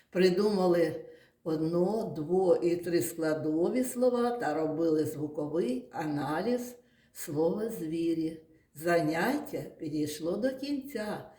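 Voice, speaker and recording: A woman's voice: sits low, warm tone. A woman teaching young children in a classroom, patiently stretching words into their syllables and sounds and praising often. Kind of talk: classroom lesson. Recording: echoey classroom.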